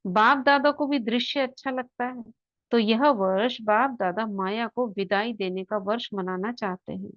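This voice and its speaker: A woman's voice: fairly high pitch, a little slow, fairly bright tone, no room sound. Woman leading a spiritual class, lo-fi. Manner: explanatory, asks the listeners rhetorical questions. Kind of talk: spiritual class with guided visualization. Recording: dull lo-fi dry recording.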